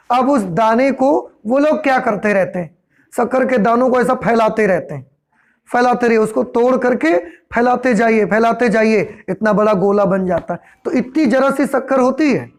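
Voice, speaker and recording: A male teacher talks through a lesson in a patient, explanatory way. He repeats key phrases several times and poses rhetorical questions to the class before answering them himself. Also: very high-pitched. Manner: repetitive, explanatory. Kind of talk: classroom lecture.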